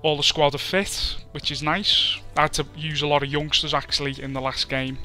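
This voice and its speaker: Over soft background music, a gaming commentator from Liverpool with a Scouse accent talks through a football game, casual, chatty and self-deprecating. He speaks at a moderate pace with a fairly high pitch, a flat delivery, and a bright, forceful tone.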